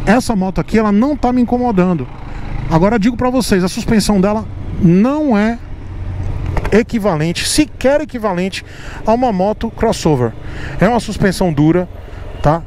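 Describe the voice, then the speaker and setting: A man riding a motorcycle through city traffic, explaining things to his viewers in a casual, repetitive way. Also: high-pitched. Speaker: motovlogger. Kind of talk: casual motovlog talk while riding. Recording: loud street and engine noise. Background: traffic and engine noise.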